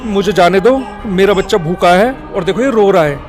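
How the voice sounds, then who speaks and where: Desperate young mother, pleading, played by a high-voiced male storyteller. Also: moderate pace, music in the background, close to an everyday voice. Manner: pleading, defensive.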